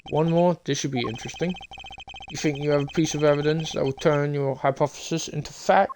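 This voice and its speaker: A man's voice: on the high side, steady tone, fairly quick, darkish tone, a little hiss or hum, natural voice. A man doing a cocky, taunting wolf-like investigator. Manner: teasing, taunting. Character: cocky male investigator calling himself a wolf. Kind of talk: reading game dialogue aloud. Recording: game music behind the voice.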